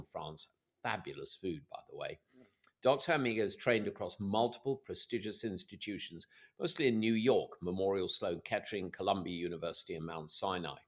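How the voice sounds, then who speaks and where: A middle-aged man hosting a podcast interview, chatty and lively, with small jokes and asides. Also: fairly low pitch. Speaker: podcast host.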